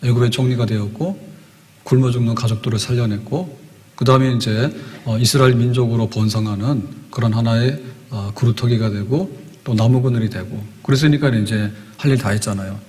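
Preaching a sermon at the pulpit, an older pastor speaks into a podium mic while long hall reverb follows his words. His pitch is an ordinary middle male range, his tone darkish, his pace a little fast, and he unfolds his points step by step with storytelling flair and frequent rhetorical questions.

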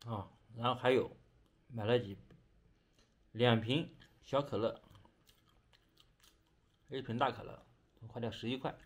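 A young Chinese vlogger eats and chats casually in a small bedroom, talking through his food and chewing between phrases. His voice is mid-range, his pace a little slow, and he pauses often.

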